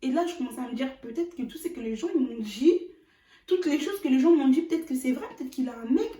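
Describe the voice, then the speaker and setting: Animated young woman with a high voice. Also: quick pace. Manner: animated, emphatic, speaks straight to viewers. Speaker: vlogger. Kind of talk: storytime vlog. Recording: roomy echo, mic at a distance.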